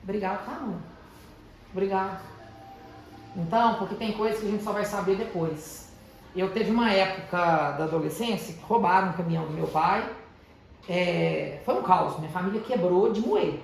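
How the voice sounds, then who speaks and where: A man's voice: sits high, vocal fry. Man speaking in a very echoey hall. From Brazil, Minas Gerais. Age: 30s. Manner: deliberately calm, slowed and softened delivery. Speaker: motivational speaker to teenagers. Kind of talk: motivational talk. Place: large echoey house of prayer. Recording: very echoey hall, faint background noise.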